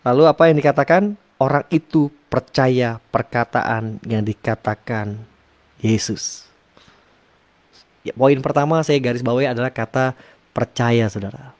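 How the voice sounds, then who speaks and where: A man's voice: medium pitch, unhurried, pauses often, a little mellow. A male preacher who reads scripture and preaches earnestly, often turning to address his listeners directly. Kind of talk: sermon with scripture reading.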